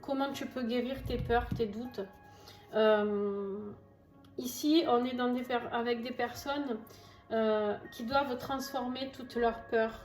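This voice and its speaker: A woman's voice: on the high side, steady tone, takes it slowly, a little mellow. A woman with a southern French accent giving a chatty, reassuring tarot reading to her viewers, with many fillers and asides. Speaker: tarot reader. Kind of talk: casual tarot reading to camera. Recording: echoey room with faint music.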